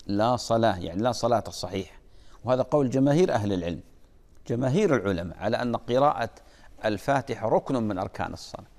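A man's voice: mid-range voice, animated, fast, a little mellow. A man giving a religious lesson as a preacher, emphatic and drilling correct pronunciation. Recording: long reverb of a large hall.

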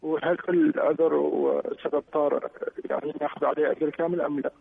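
Guy calling in on a really bad phone line, garbled and tinny, flat halting delivery. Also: on the high side, creaky, breathy edge, dry recording. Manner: hesitant, halting, many fillers. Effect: poor, garbled phone line. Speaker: caller to a radio question show. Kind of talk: asking questions on air.

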